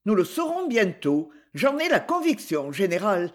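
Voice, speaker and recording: A reader voicing a candid, probing young woman who speaks softly and earnestly in an audiobook. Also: medium pitch, very animated, moderate pace, close to an everyday voice.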